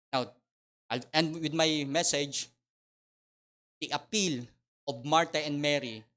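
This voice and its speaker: A middle-aged man with a Filipino accent preaching a sermon as pastor, swinging between loud appeals and quiet asides. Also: mid-range voice. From Philippines.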